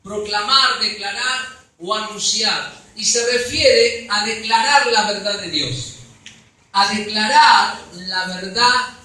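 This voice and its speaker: A man's voice: high voice, takes it slowly, pushed and bright. A man with a Rioplatense accent preaching a sermon in a church, emphatic, checking in with the congregation. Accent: Rioplatense Spanish. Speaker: pastor. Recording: echoey hall, voice from far off.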